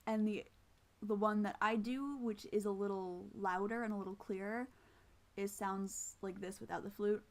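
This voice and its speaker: Woman with missing teeth doing a laid-back flute tutorial, kinda hesitant and self-deprecating, medium pitch. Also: steady tone, moderate pace. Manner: casual, self-deprecating, hesitant while explaining. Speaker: flute player giving a tutorial. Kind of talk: informal instructional talk with demonstrations.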